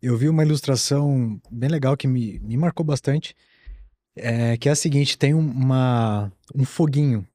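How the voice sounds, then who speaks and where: Guy hosting a podcast, warm mellow voice, easygoing, dry close mic. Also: medium pitch, normal speed, dry recording. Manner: relaxed storytelling with fillers and restarts. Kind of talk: casual podcast chat.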